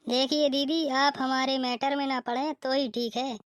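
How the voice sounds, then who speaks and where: A woman's voice: high voice, steady tone, moderate pace, no room sound, clean studio sound, lightly acted. A woman voicing a defiant, fed-up young daughter-in-law in a cartoon. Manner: sharp, complaining. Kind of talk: cartoon voice acting.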